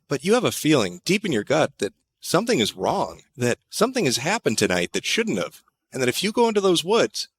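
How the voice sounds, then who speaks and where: A man's voice: on the high side, fairly bright tone, husky. A man narrating a campfire horror tale in second person, dry and sardonic, with crude joking asides.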